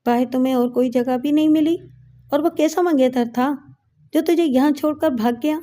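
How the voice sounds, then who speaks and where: A woman's voice: high-pitched, warm tone, natural voice. A woman voicing a coarse, bullying corrupt police inspector in a story reading, talking down with mockery. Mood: sneering. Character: crude, leering corrupt male police inspector.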